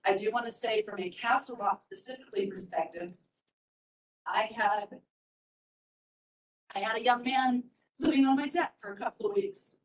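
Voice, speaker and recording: A woman giving an earnest, emotional public comment at a county meeting, speaking haltingly. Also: on the high side. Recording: roomy hall, far from the mic.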